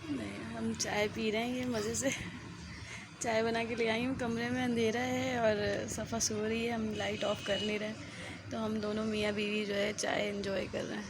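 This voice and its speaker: A woman's voice: fairly high pitch, little pitch movement, normal speed. A young woman chatting casually in a home vlog, then soothing and coaxing her child. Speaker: vlogger. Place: home bedroom. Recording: noisy home recording.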